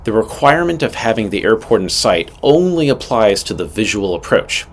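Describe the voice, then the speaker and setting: In a pilot training video, a man with a fairly low voice teaches a scripted instructional lesson at a normal speed. He is very animated yet direct and matter-of-fact, leaning on the main points for emphasis.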